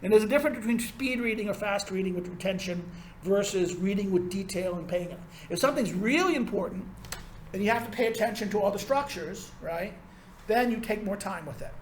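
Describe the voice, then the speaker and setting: A man's voice: high-pitched, a little fast, roomy sound, slight background noise. A male university lecturer giving a rambling, sardonic classroom lecture with frequent restarts.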